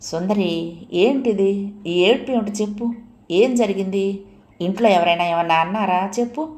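A woman voicing a bewildered young man who gently coaxes his crying lover with soothing questions. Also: fairly high pitch, unhurried, voice pushed up, lightly acted. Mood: coaxing. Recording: echoey room, faint hiss.

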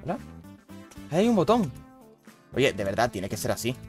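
A young man, giving casual, swear-heavy commentary over his gameplay with loud, baffled outbursts. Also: mid-range voice, wildly swooping pitch, normal speed, over music. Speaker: gaming youtuber.

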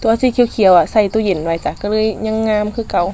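Isan lady munching and chatting, mellow voice, crickets faintly outside. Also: medium pitch, quick pace, slight background noise. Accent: Isan (Northeastern Thai). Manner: soft, chatty, polite particles, eats while talking. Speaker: food vlogger. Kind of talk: casual eating vlog.

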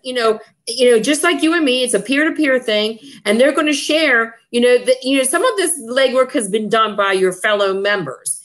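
A woman's voice: on the high side, normal speed, hardly any pauses. A woman hosting a casual chat about upcoming member events, enthusiastic and full of fillers and restarts. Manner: enthusiastic, repeats herself with many fillers. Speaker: association president hosting.

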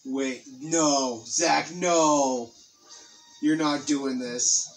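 A man's voice: a little high, fairly even intonation, drawn-out words, faint music behind, low-quality recording. A man chatting casually over a video game, teasing and swearing as he comments. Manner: sweary, teasing, laughs often. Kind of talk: casual chat over gameplay.

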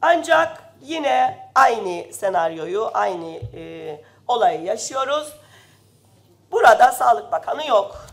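A woman speaks into a rostrum microphone in a parliament chamber. Her voice sits fairly high and swings widely in pitch as she presses her points. The delivery is impassioned and indignant, rising to loud emphasis, and she is slightly ill. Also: very animated, slow, soft background music. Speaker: member of parliament. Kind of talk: parliamentary speech.

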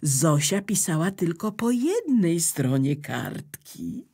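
A woman voicing a clever, lively female water spirit in a children's story. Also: fairly low pitch, breathy edge, exaggerated voice. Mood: bright. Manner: quick-witted and lively.

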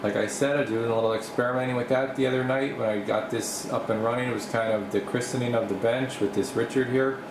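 Behind the camera in his small home workshop, a video host and radio repair technician gives a casual, improvised tour, rambling as he thinks aloud. He talks fast in a mid-range voice with few pauses. The camera mic records a roomy space with a steady, air-conditioner-like hum.

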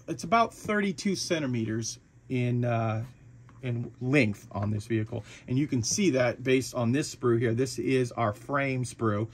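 Guy, mid-pitched, easygoing hobbyist walkthrough with lots of fillers. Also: slight background noise. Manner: relaxed, chatty, with frequent fillers and restarts. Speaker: hobby shop owner reviewing a model kit. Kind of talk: casual product walkthrough.

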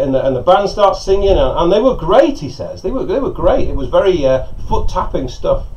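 Animated middle-aged male pastor preaching. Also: high voice, a little hiss or hum. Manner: storytelling, animated, gesturing with hands. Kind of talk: sermon. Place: covered porch outdoors by a lake. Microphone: lapel mic. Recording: slightly dull sound with faint outdoor ambience.

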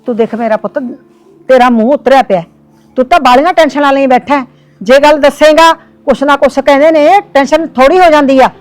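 A woman's voice: high-pitched, fairly quick, a little mellow, faint music behind, natural voice. An actress playing an elderly village mother who pleads with and consoles her family. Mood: worried. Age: older. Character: grieving elderly village mother, tender and devout. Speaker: actor. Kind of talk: village drama acting.

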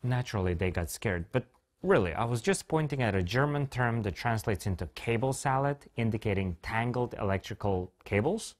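A man hosting a product launch, his voice rising and falling in a lively way as he jokes. He keeps poking fun at himself between scripted lines, playful throughout. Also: mid-range voice, moderate pace. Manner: playful, self-mocking, joking asides. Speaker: launch event presenter. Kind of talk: scripted comedic product presentation.

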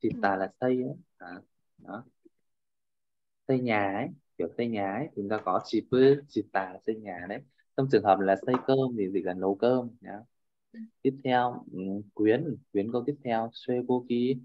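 A man's voice: lowish voice, moderate pace, highs cut off. A man teaching a class over a video call, often checking in with his students and repeating fillers as he explains. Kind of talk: online class lecture.

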